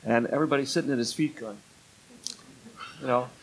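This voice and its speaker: With a breathy edge to his medium-pitched voice, the older interviewee talks fairly quickly. A retired music club booker, he rambles through anecdotes and lapses into quoted dialogue. The recording sounds rough.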